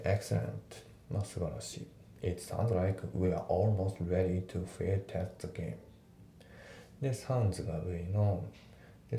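A man teaching English grammar in a casual, relaxed way, with many fillers, slowing down to read the English example sentences. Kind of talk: casual spoken lesson. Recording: echoey room with faint rumble.

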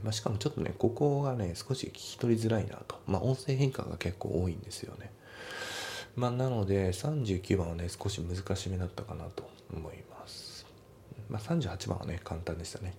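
A man teaching English, patiently going over test answers and repeating pronunciations slowly, often dropping into whispery asides. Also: sits low, vocal fry, mellow, slight background noise.

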